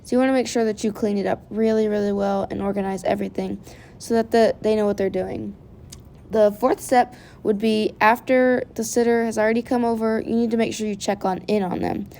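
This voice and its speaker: A woman's voice: medium pitch, fairly even intonation, fairly quick, darkish tone, a little hiss or hum. Woman with a groggy morning voice. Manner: chatty, repeats words for emphasis. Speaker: pet vlogger. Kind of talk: casual how-to vlog narration.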